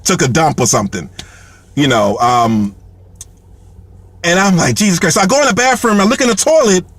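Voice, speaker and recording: A man's voice: high-pitched, moderate pace, dry recording. A man telling a comic story in a rambling way, full of fillers and repeated words, laughing as he goes. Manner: animated, laughs between lines.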